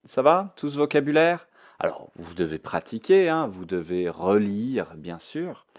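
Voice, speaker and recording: A man's voice: on the low side, sing-song, a little slow. A man teaching a French vocabulary lesson, repeating each word and mixing in English explanations.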